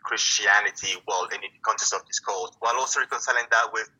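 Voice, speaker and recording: Reflective man with a bright, husky voice. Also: lowish voice, rough recording. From Italy. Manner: reflective, halting, many restarts and fillers. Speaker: poet guest. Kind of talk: casual interview talk.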